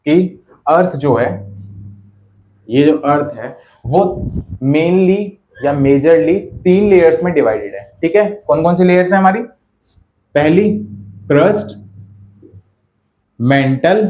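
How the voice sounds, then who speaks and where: A man's voice: fairly high pitch, darkish tone. A young male teacher giving a whiteboard lesson, firing rhetorical questions and having students repeat key terms after him.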